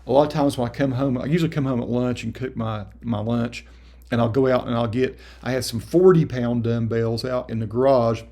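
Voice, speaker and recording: A man in his late fifties chats casually to his viewers in a gravelly, mid-pitched voice. His talk is folksy and meandering, full of little restarts and self-corrections. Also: fairly even intonation, fairly quick, warm tone. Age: 50s. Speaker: vlogger.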